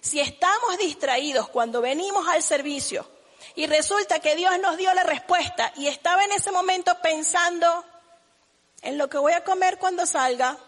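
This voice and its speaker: A woman preaching a sermon, earnest and testifying, swinging between loud passages and hushed ones. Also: very high-pitched, moderate pace. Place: church hall. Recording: echoey church hall.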